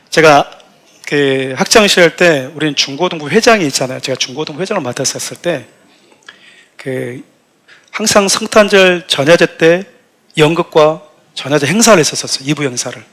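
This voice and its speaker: A middle-aged man, the senior pastor of the church, preaching a sermon full of funny stories and acting out quotes with raised voice. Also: fairly high pitch. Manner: animated storytelling, acts out shouted quotes. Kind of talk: sermon with humorous anecdotes.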